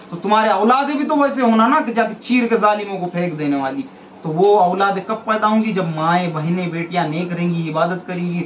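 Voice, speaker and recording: Preaching in a high voice, a middle-aged man who is a faith healer urges on his listeners and repeats phrases to drive points home. Slight background noise and faint ambience fill the echoey, lo-fi room.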